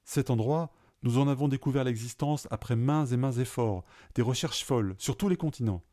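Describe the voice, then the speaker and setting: A man's voice: medium pitch, moderate pace, dark tone, lightly acted. A man reading a story aloud, voicing an eccentric professor who swings from hesitant to grandiose. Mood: overjoyed. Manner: hesitant, then exalted and solemn.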